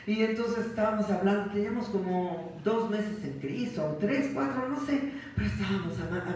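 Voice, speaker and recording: A woman's voice: on the low side, darkish tone, slight background noise. Mexican woman pastor preaching in echoey church. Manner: humorous storytelling with laughter. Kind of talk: sermon. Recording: echoey church hall, mic from far off.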